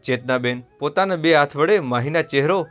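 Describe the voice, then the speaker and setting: A man with a Gujarati accent narrating a family story in a steady, earnest scripted read. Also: on the high side, brisk. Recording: dull lo-fi voice over soft music.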